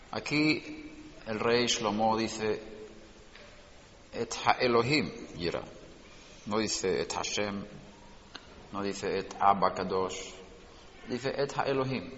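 The recording is dull and lo-fi, with a little hiss or hum and the echo of a large hall. A Torah teacher with a lowish, slightly bright voice explains the lesson and throws rhetorical questions at his class.

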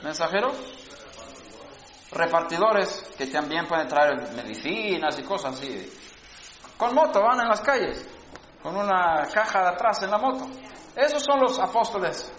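A man's voice: high-pitched, big pitch swings, measured pace, long pauses, fairly bright tone. A man preaching a sermon, explaining word origins in a teaching manner with frequent restarts and rising to fervent exhortation. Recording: roomy, dull lo-fi sermon recording.

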